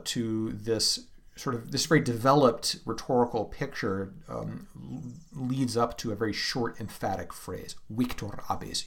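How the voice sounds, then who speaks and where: A man giving a lecture, explaining slowly and deliberately with frequent fillers. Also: medium pitch, creaky. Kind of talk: recorded lecture with read-aloud passages.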